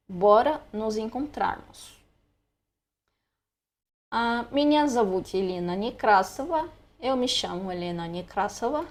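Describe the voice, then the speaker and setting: Chatty Brazilian woman explaining study tips. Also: mid-range voice. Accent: Brazilian Portuguese. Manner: chatty, explains as she goes with frequent asides. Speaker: language learner sharing study tips. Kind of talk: casual screen-recorded lesson.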